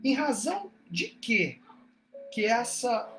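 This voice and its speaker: A woman's voice: fairly high pitch, big pitch swings, slow, a bit bright, a little hiss or hum. A woman with a Brazilian Portuguese accent giving an explanatory talk to a spiritist study group over a livestream, asking many rhetorical questions and checking in with "né?". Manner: asks rhetorical questions, frequent "né?". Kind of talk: explanatory talk on a religious text. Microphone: online livestream.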